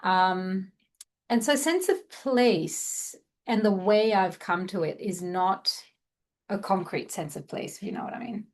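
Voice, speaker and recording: A woman's voice: medium pitch, unhurried, a little mellow. A woman from Malaysia, a guest writer, talking reflectively about her craft with many fillers and restarts. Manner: reflective, meandering, with frequent fillers. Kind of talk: conversational craft discussion.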